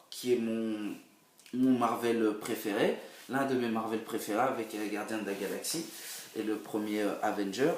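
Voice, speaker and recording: Rambling man in a roomy echo. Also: medium pitch. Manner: rambling, hesitant with many fillers, bursts of excitement. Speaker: film reviewer vlogger. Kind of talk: casual film review monologue. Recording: roomy echo, a bit far from the mic.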